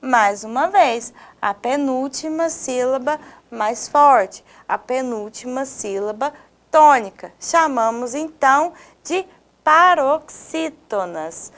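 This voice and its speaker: A Brazilian woman teaching a recorded lesson to her students. Her voice is high and she speaks slowly and deliberately, stressing each word. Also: lively intonation, fairly bright tone. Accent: Brazilian Portuguese. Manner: slow, clearly stressed didactic delivery addressing students. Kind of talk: scripted video lesson.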